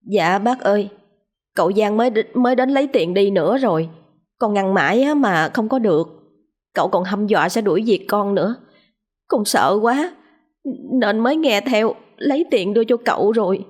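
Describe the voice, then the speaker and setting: A woman's voice: medium pitch, expressive, moderate pace, close to an everyday voice. A woman voicing a frightened young female accountant who pleads politely. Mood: tearful.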